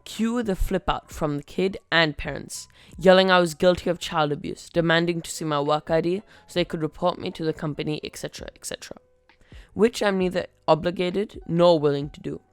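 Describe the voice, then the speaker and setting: Gravelly, wry podcast storyteller. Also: mid-range voice, a little fast, no echo, soft background music. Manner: wry, conversational narration. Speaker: podcast host reading online posts. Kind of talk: story reading.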